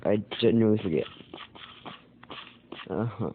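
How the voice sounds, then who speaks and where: A man's voice: on the low side, measured pace. Rambling American guy on a tinny mic. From United States. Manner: rambling, full of fillers and self-corrections. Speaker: channel host. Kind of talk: casual rambling commentary. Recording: tinny phone-like sound with faint noise.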